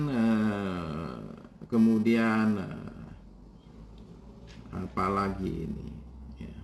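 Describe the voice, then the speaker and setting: A man's voice: mid-range voice, a little hiss or hum. A male pastor preaching a sermon in a casual, storytelling way, with frequent "ya" asides.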